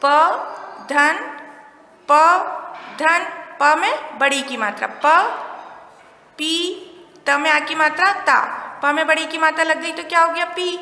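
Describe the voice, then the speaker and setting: A woman teacher giving a slow, deliberate lesson to small children, stressing each syllable. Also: sits high, bright, forceful tone. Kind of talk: spoken classroom lesson for young children. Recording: echoey room with long reverb.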